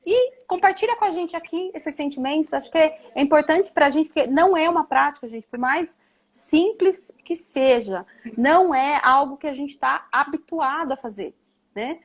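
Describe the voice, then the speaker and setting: A woman with a high voice speaks in a relaxed, reflective way on a live stream. She keeps checking in with her listener, often tagging her sentences with a soft question. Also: moderate pace. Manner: reflective, frequent "né?" tags.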